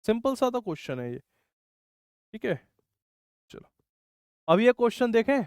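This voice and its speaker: A man teaches maths in an online class, talking in a high, smooth and clear voice. He walks through each step and scolds students who get stuck. The sound is dry and close, with no echo. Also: big pitch swings, moderate pace, darkish tone. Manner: scolding, explains step by step, says bhai often.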